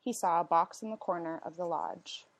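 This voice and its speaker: A woman reading a storybook aloud as narration, with expressive, deliberate phrasing and questions to her listeners. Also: on the low side, dry recording. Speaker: storyteller reading a picture book.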